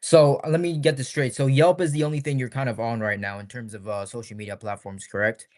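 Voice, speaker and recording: A man's voice: medium pitch, fairly even intonation, quick pace, darkish tone. A young man in his twenties, a sales consultant asking easygoing, probing questions in a casual conversation. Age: 20s.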